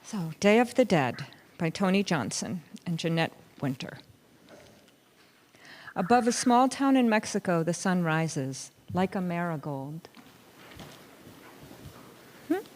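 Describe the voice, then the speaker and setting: A woman reading a picture book aloud in a deliberate, pausing way, acting out short bits of dialogue and saying Spanish words a little haltingly. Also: fairly low pitch, sing-song, darkish tone. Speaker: reader of a children's story at a church service. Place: church service, reading aloud to a gathering.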